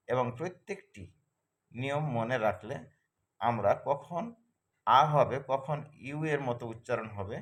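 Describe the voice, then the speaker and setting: A man teaching English pronunciation in a lesson, explaining step by step and repeating each example word and rule. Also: medium pitch. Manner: slow, step-by-step, repeats words and rules.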